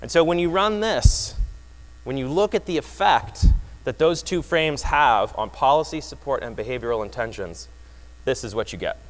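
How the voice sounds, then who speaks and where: A man presents research to a conference audience with a lively, wry manner, often restarting his phrases. His voice sits at an ordinary middle pitch. The room carries a long reverb. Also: moderate pace. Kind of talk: conference talk. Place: conference hall.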